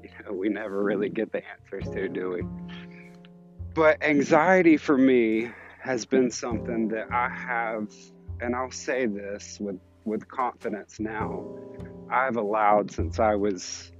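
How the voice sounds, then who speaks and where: A man's voice: lowish voice, measured pace, highs cut off, over music. A man in his thirties telling a personal story on his podcast, candid and reflective with many restarts, slightly out of breath from walking outdoors. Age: 30s. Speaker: podcast host. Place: outdoors on a walk.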